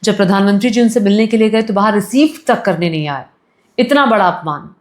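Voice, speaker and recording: A woman's voice: mid-range voice, a little fast. A woman news commentator delivering opinion commentary, indignant and firing rhetorical questions at the audience.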